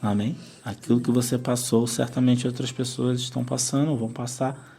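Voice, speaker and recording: A man's voice: medium pitch, little pitch movement, brisk, creaky, mellow, soft background music. A man hosting a faith radio interview in a pastoral, consoling way. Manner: consoling, keeps adding "né?". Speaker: radio program host.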